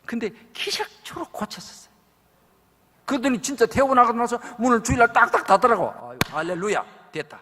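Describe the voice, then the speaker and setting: Male revival preacher, husky and gravelly, dramatic storyteller in a reverberant sanctuary. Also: very high-pitched, animated, fairly quick. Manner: dramatic storytelling, acts out quoted voices, swings from loud to hushed. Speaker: pastor. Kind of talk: revival sermon. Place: large church sanctuary. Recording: church hall with long reverb.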